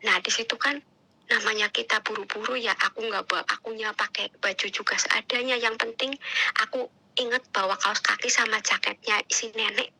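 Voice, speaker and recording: Bright, gravelly woman telling a story. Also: medium pitch, steady tone, normal speed, low-quality recording. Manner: drops into whispers, mixes in English words. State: upset, self-blaming. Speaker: caregiver for an elderly woman. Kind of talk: casual emotional storytelling.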